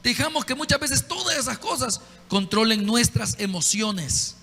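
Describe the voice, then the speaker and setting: A pastor preaching a sermon in a conversational way, often putting direct questions to the congregation. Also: male voice, very high voice, animated, normal speed, vocal fry, pushed and bright, slightly rough, big-room sound, soft background music. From El Salvador. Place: church.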